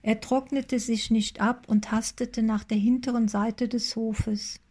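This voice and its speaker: A woman narrates a story in calm, measured scripted narration. Her voice is mellow and slightly high, and it stays level in pitch. She reads at an unhurried pace.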